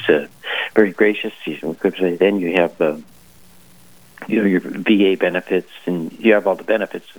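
A middle-aged man calls in over the phone, his voice low and dry. He answers in a halting, casual way, full of fillers and restarts, and sometimes chuckles. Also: no echo, rough recording. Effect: heard over the phone. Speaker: priest and army chaplain, radio guest.

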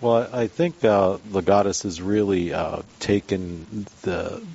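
A man giving a casual, plainspoken interview answer as a business guest, halting and rambling a little. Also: low-pitched, steady tone, gravelly, warm tone, slightly rough. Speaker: round-table guest, business owner. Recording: dull band-limited radio sound.

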